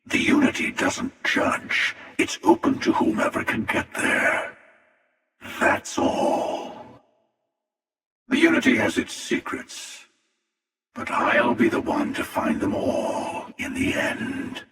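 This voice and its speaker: A man playing The Hunter, a cynical, menacing older villain in a video game, with a breathy rasp and a slow, sardonic, world-weary delivery. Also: extremely high pitch, huge pitch swings, fairly bright tone, full character voice. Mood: cynical musing. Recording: long echoing reverb, distant from mic.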